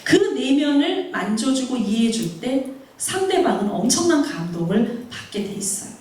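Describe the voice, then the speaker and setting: A woman missionary preaching a sermon and telling personal stories, animated, acting out the voices of people she quotes. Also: sits high, moderate pace. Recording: very echoey hall, mic far off.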